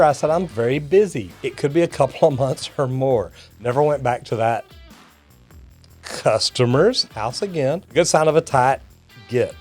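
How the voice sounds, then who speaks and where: Reading comments aloud on his video, a middle-aged or older Texan master plumber reacts in folksy fashion and speaks to viewers as y'all and guys. His voice is fairly high in pitch with a darkish tone.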